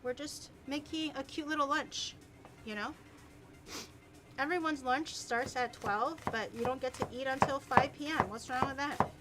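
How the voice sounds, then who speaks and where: A woman with a high-pitched voice hosts a casual live stream while cooking. She talks playfully to her viewers, teasing them and swearing lightly. The recording has noticeable noise, with clicks and chopping behind her. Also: normal speed.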